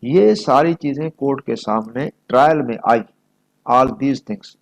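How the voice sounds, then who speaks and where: A law lecturer with a Pakistani accent teaches in a didactic, emphatic way, reading examples aloud, stressing and repeating key phrases, and switching between Urdu and English. His medium-pitched voice is slow and carries vocal fry.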